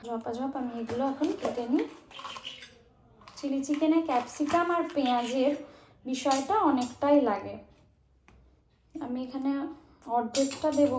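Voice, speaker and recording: A woman's voice: sits high, noisy background. A young woman narrating her family day at home to camera in a casual, chatty vlog style, talking to her viewers as guys. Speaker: family vlogger.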